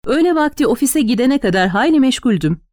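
A woman's voice: sits high, expressive, fairly quick, a little mellow, no room sound, pitched above the performer's own voice. A woman reading as a wry rich man. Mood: matter-of-fact. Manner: dry, playful teasing. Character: wealthy teasing adult man, smooth and wry.

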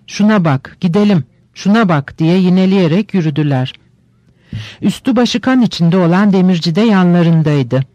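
A man reading a novel aloud in steady, measured scripted narration. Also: sits high, no room sound.

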